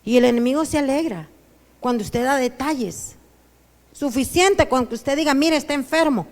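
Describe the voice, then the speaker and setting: A woman's voice: high voice, moderate pace. Honduran woman pastor preaching in a reverberant hall. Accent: Honduran Spanish. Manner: preaching with sudden loud declarations and soft asides. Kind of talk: sermon. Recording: church hall with long reverb.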